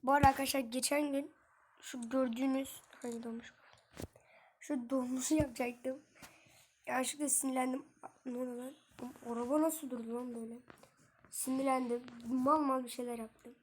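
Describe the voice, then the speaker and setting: A woman's voice: high-pitched, fairly even intonation, moderate pace, slight background noise. A woman giving casual gameplay commentary, muttering and cursing at the game and chatting to her viewers. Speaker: gaming streamer.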